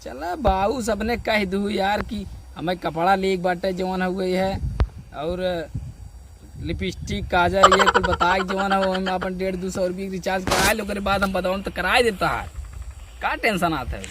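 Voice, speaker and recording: This is a comedian's phone-call skit: a man with a high-pitched voice and an Awadhi accent from eastern Uttar Pradesh complains casually, rambling and repeating himself at an unhurried pace. The outdoor recording is noisy.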